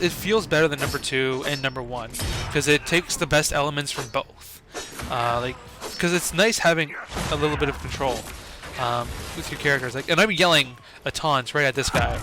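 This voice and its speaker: A man's voice: a little high, noisy background. A young man giving casual, rambling gameplay commentary, full of "um" and "like" fillers.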